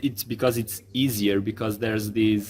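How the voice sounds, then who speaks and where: A man's voice: fairly low pitch, level tone, brisk, a little mellow. A young man from Portugal answering interview questions thoughtfully, with some hesitation. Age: young adult. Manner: thoughtful, hesitant, light laughs.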